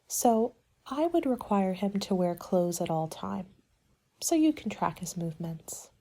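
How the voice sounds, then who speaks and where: Here a woman with a sing-song, mid-range voice plays a helpful party planner in soft-spoken ASMR. She keeps things gentle and measured, often slipping into whispers.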